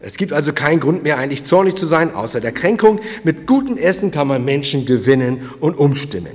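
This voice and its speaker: A man preaching a sermon, emphatic and swinging between loud and quiet, speaking directly to the congregation. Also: a little high, big pitch swings, a little fast, long reverb tail. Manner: emphatic, rising and falling in volume, addresses listeners directly.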